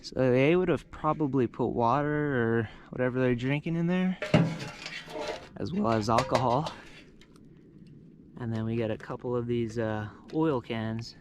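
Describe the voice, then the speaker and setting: A man's voice: mid-range voice, moderate pace, slight background noise. A young man talking casually to camera as he hikes outdoors on a mountain slope, explaining what he finds as he goes. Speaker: outdoor explorer and vlogger. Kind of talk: casual narration to camera while hiking.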